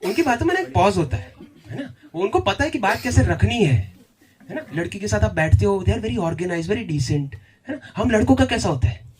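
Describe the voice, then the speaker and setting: A man's voice: sits high, moderate pace, breathy edge. A young man in his twenties doing a stand-up comedy set, telling stories and acting out dialogue. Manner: animated storytelling, mixing Hindi and English, acting out dialogue. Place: comedy venue with a live audience.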